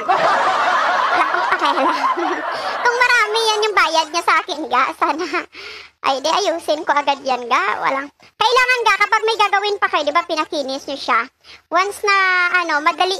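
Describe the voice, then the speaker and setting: A woman's voice: extremely high pitch, lively intonation, fairly quick. A middle-aged woman, chatting casually and joking while she decorates a cake, laughing often and mixing in English. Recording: loud background noise.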